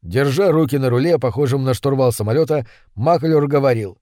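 A man's voice: mid-range voice, brisk, dark tone, no room sound. Male audiobook narrator, dry close sound. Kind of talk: dramatic audiobook reading of a horror story.

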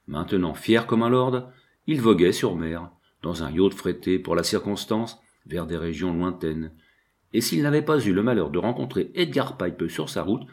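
Lively male audiobook narrator. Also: low voice. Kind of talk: first-person novel narration.

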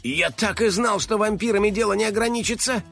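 A man voicing an excitable, bossy male house-spirit detective who makes dramatic exclamations. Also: on the high side, moderate pace, vocal fry, faint music behind, exaggerated voice. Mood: alarmed.

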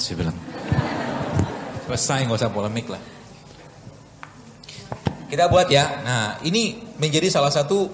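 A man, a doctor, giving a chatty, joking live health talk with a cooking demo to an audience in a large hall. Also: mid-range voice. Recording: echoey hall with room noise.

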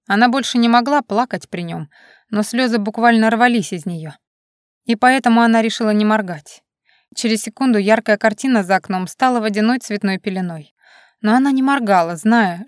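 A woman narrates a novel in an expressive, dramatic style, her voice sitting mid-range. The recording is dry and close, with no room echo around her. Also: mid-range voice. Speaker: audiobook narrator. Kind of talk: scripted narration.

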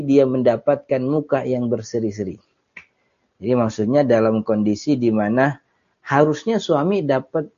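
A man with a mellow, mid-range voice teaches a casual Islamic study class, unpacking Arabic text phrase by phrase. His manner is chatty with little laughs, and the lo-fi audio sounds dull.

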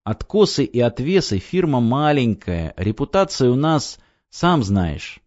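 A man's voice: mid-range voice, very animated, unhurried, darkish tone, dull audio, voice pushed up. A man reading an audiobook, voicing a weary, gloomy male foreman who mutters glum, sardonic replies.

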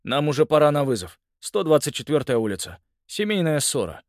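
A man's voice: a little high, big pitch swings, fairly quick, no room sound, studio quality, voice pushed up. A man voicing a lanky young policeman, the aunt's partner, in an audiobook. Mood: matter-of-fact.

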